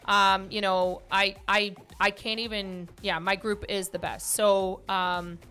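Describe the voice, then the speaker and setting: A chatty woman hosts a casual podcast, her voice bright and forward. She talks loosely, circling back with fillers and restarts, with faint music playing underneath. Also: medium pitch, flat delivery, slow pace, clean tone. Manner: chatty, warm-hearted, many fillers and restarts. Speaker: podcast host.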